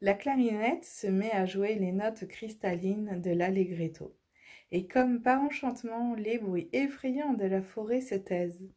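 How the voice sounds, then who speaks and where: Breathy woman reading a children's story. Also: mid-range voice, a little slow. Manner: lively, expressive.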